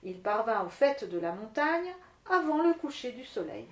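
A woman narrating a fairy tale in steady, expressive storybook reading. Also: a little high, moderate pace, roomy sound.

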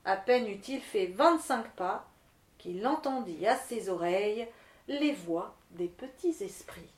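A woman's voice: medium pitch, lively intonation, slow. Woman reading a tale, roomy echo. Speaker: storyteller. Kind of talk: storybook narration.

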